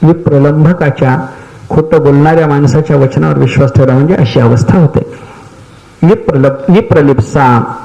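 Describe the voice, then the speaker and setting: A man's voice: a little high, moderate pace, gravelly, dark tone, lo-fi sound. An older man giving a devotional discourse, explaining terms step by step and telling stories, often asking his listeners if they follow. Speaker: spiritual teacher giving a discourse.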